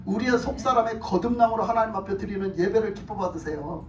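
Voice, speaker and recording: A woman pastor preaching a sermon, emphatic and animated, putting questions to the congregation and often laughing. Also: mid-range voice, fast talker, highs cut off, noisy background. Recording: echoey hall from far off.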